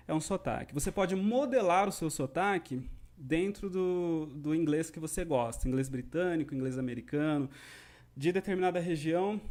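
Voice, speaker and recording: A man's voice: fairly high pitch, a little mellow. A Brazilian man teaching a live-streamed lesson, explaining at length and often checking in with his viewers. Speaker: English teacher.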